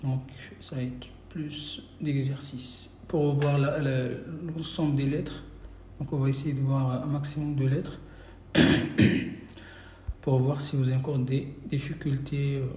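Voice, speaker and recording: Using a warm, mid-range voice, a man teaching Arabic on a live stream reads out viewers' names and patiently corrects each in turn. The phone recording carries room echo and faint background noise.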